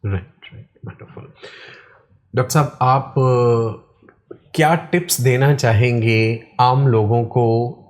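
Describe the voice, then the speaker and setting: A man's voice: medium pitch, slow pace. Polite formal male interview host. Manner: polite, formal, frequent short affirmations. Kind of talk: hosted interview.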